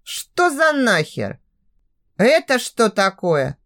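A woman's voice: on the high side, huge pitch swings, slow pace, full character voice. Woman putting on a cocky hot-tempered young man. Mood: angry. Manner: rough, mocking, drawn out.

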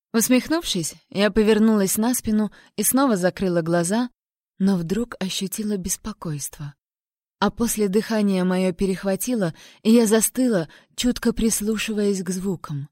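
A woman calmly narrating a first-person audiobook in a measured storytelling manner. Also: mid-range voice, no room sound, studio quality.

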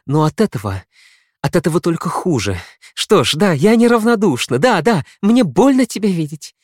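Guy doing a young woman's voice in a storybook, way higher than his own, cold and quiet then pleading, dry close sound. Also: no echo. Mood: anguished. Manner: quiet monotone, turning fast and pleading.

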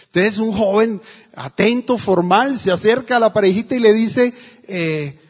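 A man's voice: high voice, moderate pace, slightly rough. A male pastor preaching a sermon in a church, telling a story and acting out the quotes. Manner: storytelling with acted quotes, emphatic. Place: church hall. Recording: dull, echoey church recording.

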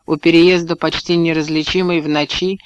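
Brief: male audiobook narrator, slightly high, steady, dry booth sound. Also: moderate pace, clean tone, no echo, dull audio. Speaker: audiobook reader. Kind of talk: scripted narration.

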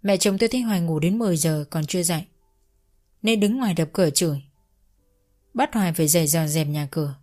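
A woman narrates a domestic drama in the first person at a steady storytelling pace. Soft music plays faintly behind her voice. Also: fairly low pitch, fast, long pauses.

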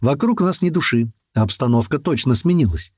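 A male narrator reads a first-person audiobook in a lively, expressive voice of middle pitch. His intonation rises and falls widely. The recording is close and dry, with no room sound. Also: moderate pace, breathy edge, dry recording.

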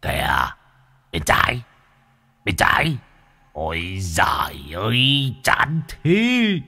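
A man's voice: sits low, huge pitch swings, slow, bright, forceful tone, husky, heavily acted. A man doing a rowdy, cackling old ghost. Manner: rowdy, coarse football heckling.

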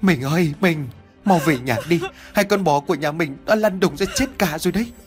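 A man's voice: brisk, soft background music, lightly acted. A man voicing a panicked village woman crying out frantically for her husband. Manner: shrill, frantic.

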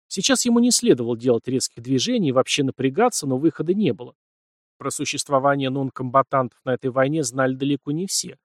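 A man's voice: mid-range voice, dry recording. Male audiobook narrator, dry close sound.

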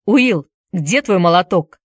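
A woman's voice: lowish voice, animated, slow, no room sound, studio quality. A woman voicing a bold boy who gives curt orders to his friends. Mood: commanding. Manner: curt, commanding. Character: bold commanding boy leader.

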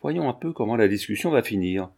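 A man doing a jovial young gentleman. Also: fairly low pitch, animated, fairly quick, creaky. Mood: amused. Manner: amused, jovial. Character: cheerful young gentleman, amused.

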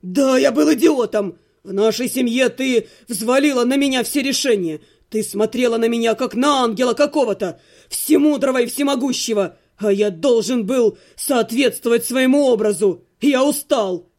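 Женщина изображает мрачного некроманта-мужчину. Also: female voice, moderate pace, hardly any pauses. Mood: anguished shouting. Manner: shouting in despair, then low and insistent. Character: brooding male necromancer, ex-husband, intense. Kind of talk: audiobook character voice.

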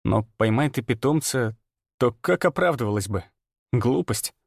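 A man reading a first-person audiobook story in a measured, grim way. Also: mid-range voice, lively intonation, gravelly, no room sound, clean studio sound. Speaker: audiobook narrator.

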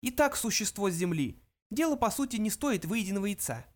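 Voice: mid-range voice, sing-song, fairly quick, voice pushed up, natural voice. An audiobook reader voicing Benjy, a cold, imperious little lab mouse who speaks curtly and dismissively. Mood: commanding. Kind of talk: audiobook character reading.

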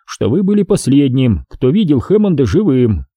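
A man's voice: mid-range voice, big pitch swings, normal speed, slightly rough, dry recording, narrow, tinny audio, voice pushed up. A man voicing a tall male police detective who questions in a level, expressionless tone. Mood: cold. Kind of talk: audiobook character voice.

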